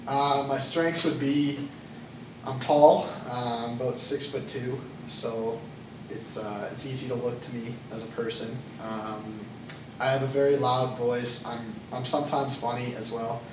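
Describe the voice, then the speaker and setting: A young Canadian male student plays a nervous job candidate in a classroom role-play interview, speaking in a monotone, medium-pitched voice. He's hesitant and halting, full of uh and um, and the recording is echoey, noisy and far from the mic.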